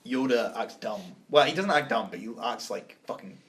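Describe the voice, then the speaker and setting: A man's voice: medium pitch, lively intonation, normal speed, a bit bright. A man co-hosting a podcast in casual chat, rambling and enthusiastic. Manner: rambling, enthusiastic, trails off into tangents. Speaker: podcast co-host.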